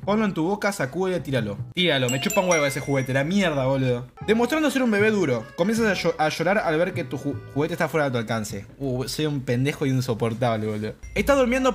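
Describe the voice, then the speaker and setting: Brash Argentine streamer man, high voice. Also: a bit bright. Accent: Rioplatense Spanish. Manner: brash, profane, reads game text aloud. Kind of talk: casual gameplay commentary.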